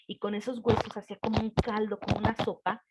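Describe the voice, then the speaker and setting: A woman's voice: medium pitch, flat delivery, fast, very noisy. A woman telling a personal story in a casual, hesitant way, with many fillers.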